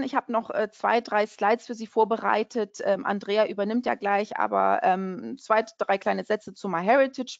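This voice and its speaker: A woman's voice: medium pitch, gravelly, dry recording, dull audio. Woman hosting a chatty webinar. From Portugal. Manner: friendly, chatty, many fillers and restarts. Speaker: webinar host. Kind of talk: casual webinar presentation.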